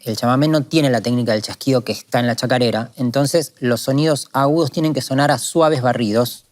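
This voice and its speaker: A calm, methodical man from Argentina, explaining guitar strumming technique in a lesson. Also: mid-range voice, fairly quick. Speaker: guitar teacher. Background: guitar playing.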